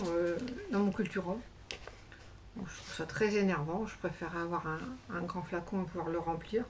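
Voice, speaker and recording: A woman's voice: mid-range voice, a little hiss or hum. A woman vlogger chatting casually to camera about her craft purchases, rambling with many fillers and self-corrections. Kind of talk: casual haul chat to camera.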